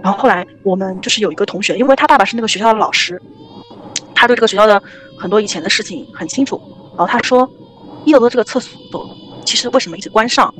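Young woman, very fast speech, rambling, animated, casual ghost story. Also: medium pitch, a little hiss or hum. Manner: rambling, animated, many restarts. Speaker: podcast guest storyteller.

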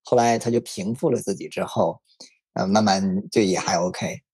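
A man casually telling a personal story in a relaxed, frank, reflective way. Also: low voice, moderate pace, slightly rough, no room sound. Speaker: story guest.

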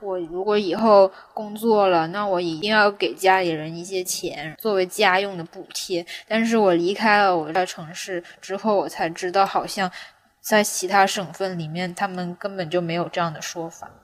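A woman's voice: fairly low pitch, steady tone, moderate pace. A young woman from Guangdong with a Cantonese-accented Mandarin, co-hosting a podcast and telling reflective anecdotes in a casual chat. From Guangdong, China. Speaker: podcast co-host.

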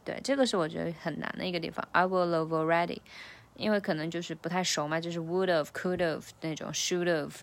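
A woman coaches English pronunciation in a relaxed, chatty way. Her voice sits a little low, and she takes her time, explaining each sound patiently. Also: creaky. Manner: explains sounds slowly, repeats lines at slow speed. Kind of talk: casual pronunciation lesson.

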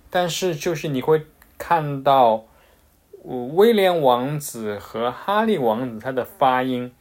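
A man teaching English pronunciation in a casual, patient way, with frequent fillers and restarts. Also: mid-range voice. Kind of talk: casual explanatory lesson.

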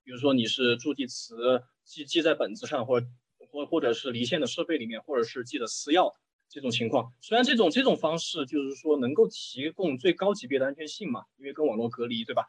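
A man's voice: medium pitch, expressive, fast talker, slightly rough, no echo, low-quality recording. A man hosting an interview in a conversational way, polite and wordy, often adding little tags to confirm his point. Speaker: interview host.

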